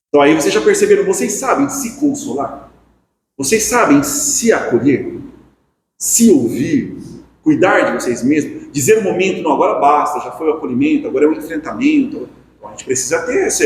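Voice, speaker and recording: Earnest Brazilian man teaching in an echoey hall. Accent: Brazilian Portuguese. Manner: earnest and reassuring, acts out inner self-talk. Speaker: course instructor. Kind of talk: spiritist study class. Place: meeting hall. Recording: echoey hall with faint rumble.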